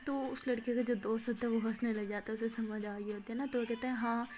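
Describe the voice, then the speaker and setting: A woman's voice: fairly high pitch, fairly even intonation, quick pace, mellow, faint music behind. A woman telling a love story in a casual, chatty spoken way. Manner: chatty, laughs often.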